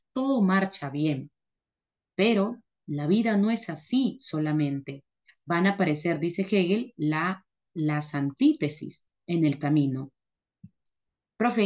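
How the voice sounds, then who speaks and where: Emphatic woman teacher, mellow tone. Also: low-pitched, dull audio. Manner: emphatic, repetitive, asks herself rhetorical questions. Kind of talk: motivational lecture.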